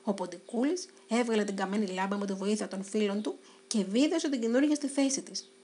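A woman narrating a children's storybook in an expressive, dramatic way. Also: medium pitch, husky.

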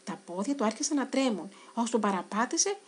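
A woman narrating a children's storybook in an expressive, dramatic way. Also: a little high, breathy edge.

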